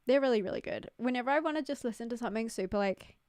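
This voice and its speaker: Her voice sits on the high side, very fast and expressive with a darkish tone, as the young New Zealander casually chats with livestream viewers and reads their messages. She laughs easily and leans on "like" and "um," recorded from her Queensland home on a close studio mic with no room sound.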